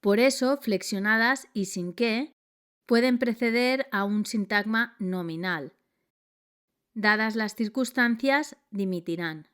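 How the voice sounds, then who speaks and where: Woman, grammar lesson narration, very slow pace, measured. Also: mid-range voice, a bit bright, clear, resonant tone. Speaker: grammar teacher.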